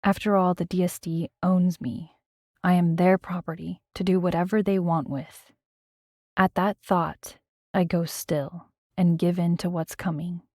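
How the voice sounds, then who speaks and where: A woman's voice: fairly low pitch, fairly even intonation, unhurried, darkish tone, dry recording, clean studio sound. A woman narrating a first-person audiobook in a tense, dramatic storytelling manner.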